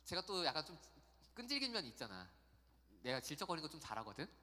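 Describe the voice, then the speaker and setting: A man giving a youth sermon in a church, chatty and animated, telling stories and acting out quotes. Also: on the high side, fast talker, in a large hall. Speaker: youth pastor. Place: church sanctuary.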